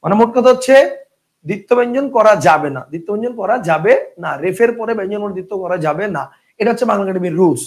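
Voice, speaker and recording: A man teaching an online spelling class, explaining rules through many examples and often checking that students follow. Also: sits high. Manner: repeats words slowly to drill spelling.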